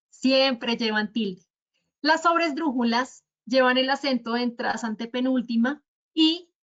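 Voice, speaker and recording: A woman's voice: high voice, fairly bright tone, muffled recording. A woman with a Colombian Spanish accent explaining spelling rules at a virtual talk, going through examples one by one in a didactic way. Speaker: speaker at a virtual talk on writing. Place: virtual conference.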